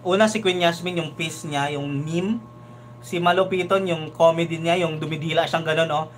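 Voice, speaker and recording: A man hosting a casual live reaction stream, talking in an animated, chatty way and often asking "di ba?". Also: a little high, moderate pace, a little hiss or hum. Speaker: reaction video host.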